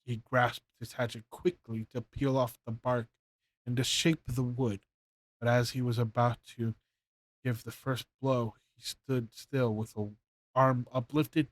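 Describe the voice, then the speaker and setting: A man's voice: medium pitch, level tone, unhurried. A man casually reading a bedtime story aloud to his stream chat, often stumbling and rereading his lines. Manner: stumbling, rereads and corrects himself.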